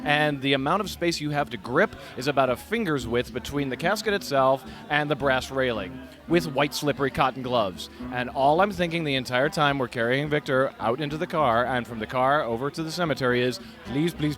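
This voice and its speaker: A man's voice: mid-range voice, a little fast, a bit bright, faint music behind. A man giving a storytelling tribute speech at a memorial, anecdotal and emphatic. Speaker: memorial speaker.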